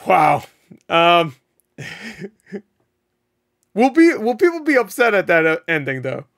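A reaction video host gives casual commentary from a room at home, using a headset. He's excitable, swears a lot, and laughs often, though he's losing his voice; it sits high and moves at a slow pace. The studio-quality audio has no room sound.

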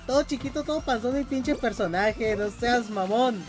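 High-voiced Mexican gamer streaming live. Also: male voice, normal speed, over music. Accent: Mexican Spanish. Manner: excitable, swears a lot, yells when stuck. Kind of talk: live gameplay commentary.

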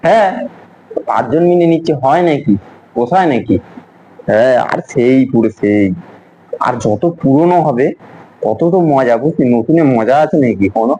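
A man's voice: medium pitch, expressive, normal speed, warm tone. A man at home staging a pretend phone call for a prank video, chatty and teasing, repeating himself and chuckling as he talks. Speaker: prank vlogger. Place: at home indoors.

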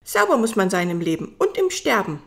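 A woman's voice: medium pitch, big pitch swings, brisk, vocal fry, fairly bright tone. A woman voicing a prim, bossy young girl doll who gives scolding commands.

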